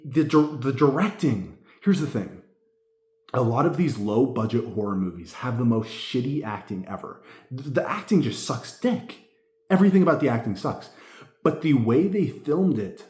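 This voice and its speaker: An echoey room recording of a man with a medium-pitched voice. He rambles through a casual movie review with tipsy, drunken delivery. He is emphatic and profane, often circling back to repeat his own phrases. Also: mellow. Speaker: amateur film reviewer.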